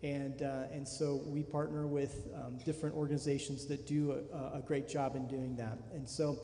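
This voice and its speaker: A middle-aged man, a missionary pilot, giving an earnest, halting thank-you to a church congregation, speaking into a handheld mic in a large sanctuary. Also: mid-range voice, level tone, dark tone. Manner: earnest, halting, repeats words. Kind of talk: church guest address. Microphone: handheld microphone. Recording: echoey church hall with faint noise.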